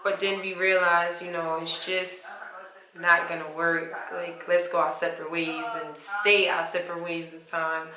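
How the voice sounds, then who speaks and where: A woman's voice: measured pace, crowd noise. Chatty young woman in an echoey room. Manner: animated, acts out dialogue with jumps in pitch; frank, slangy and chatty. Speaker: vlogger sharing pregnancy stories. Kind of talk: candid storytelling to camera.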